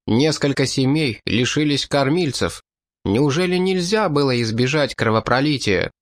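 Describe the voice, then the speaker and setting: A man reading an audiobook, voicing a shaken, gentle male companion who pleads and protests in an indignant way. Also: mid-range voice, lively intonation, normal speed, dry recording, close to an everyday voice. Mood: dismayed.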